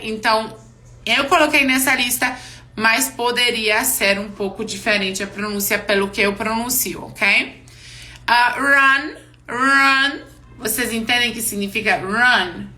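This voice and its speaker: Bright-voiced woman teaching pronunciation slowly. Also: on the high side. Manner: slow, drawn-out model words; checks in with "yes?" and "ok?". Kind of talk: live online class. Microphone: live-stream mic.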